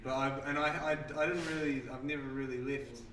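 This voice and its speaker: A man's voice: mid-range voice, reverberant, recorded from a distance, rough recording. A young man with a New Zealand accent, a writer guesting on a radio interview, talking casually with many restarts. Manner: halting, restarts often, relaxed.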